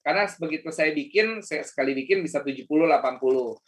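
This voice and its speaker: A man's voice: on the high side, fast. A man giving a casual motivational webinar talk as a coach, chatty and full of fillers and restarts. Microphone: video call.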